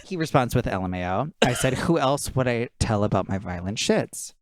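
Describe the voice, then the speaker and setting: A man's voice: medium pitch, expressive, normal speed, no room sound. A man co-hosting a podcast, telling a funny story in casual chat and acting out text messages. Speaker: podcast co-host.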